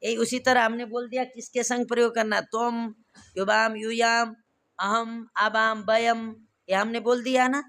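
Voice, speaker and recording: Slow, gravelly man teaching a class. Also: extremely high pitch, flat delivery, bright, forceful tone. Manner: slow and repetitive, quizzing students with questions. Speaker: Sanskrit grammar teacher. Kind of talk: classroom lesson, drilling verb forms.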